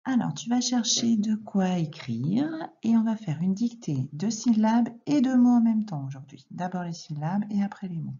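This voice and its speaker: A woman teaching young children to read, speaking slowly and clearly and addressing the child directly as she dictates. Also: medium pitch, animated, warm tone, highs cut off. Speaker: primary school teacher. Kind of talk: recorded reading lesson and dictation for young children.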